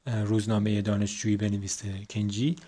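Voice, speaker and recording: Man teaching English slowly, dark voice. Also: lowish voice, monotone. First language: Persian. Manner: reads English lines slowly and spells out words. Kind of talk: explaining an English text line by line.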